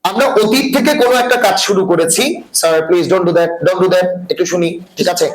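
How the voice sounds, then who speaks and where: This English teacher's voice sits high, and he talks fairly quickly as he lectures. Over the background noise of an echoey classroom, he frequently asks his students if they follow.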